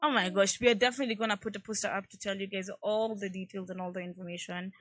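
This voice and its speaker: A woman's voice: medium pitch, fairly even intonation, racing, a bit bright, no echo, clean studio sound. A young Kenyan woman co-hosting a radio show, playful and switching between English and Swahili. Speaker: radio co-host. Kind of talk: casual radio chat. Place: radio studio.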